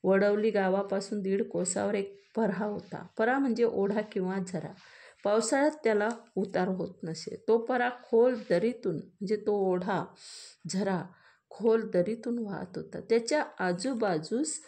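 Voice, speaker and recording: Gravelly, mellow woman reading a story. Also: medium pitch. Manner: measured, explains old words as she reads.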